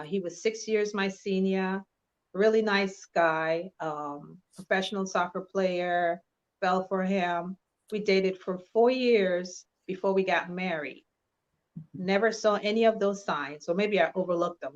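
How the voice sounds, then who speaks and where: A woman from Trinidad and Tobago, a guest in an interview, speaking in a measured, sincere way with frequent pauses. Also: on the low side, lo-fi sound. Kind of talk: personal testimony in an interview.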